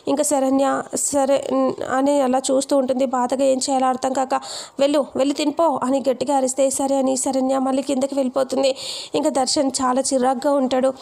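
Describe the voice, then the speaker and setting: Woman, high voice, flat steady delivery, casual serial recap. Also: fairly quick, gravelly. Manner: quotes each character's lines in her own flat voice. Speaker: vlogger retelling a TV serial episode. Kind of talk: casual spoken plot retelling.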